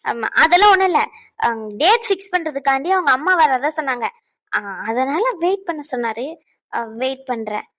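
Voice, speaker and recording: A woman's voice: sits high, animated, moderate pace, a bit bright. A woman voicing an irritated young woman in a cartoon who scolds her teasing friends. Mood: defensive. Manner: scolding, exasperated. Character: irritated young woman, sharp-tongued, easily annoyed. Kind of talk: cartoon voice acting.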